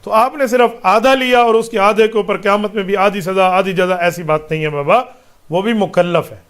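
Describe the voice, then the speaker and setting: A man, an Islamic scholar, answering questions in a religious talk, admonishing with rhetorical questions and slowly reciting Arabic verses. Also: high voice, steady tone, fairly bright tone.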